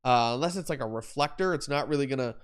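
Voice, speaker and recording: A man's voice: medium pitch, fast talker, smooth. Casual man hosting a photography stream. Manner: rambling, self-correcting, explains while demonstrating. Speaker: photography livestream host.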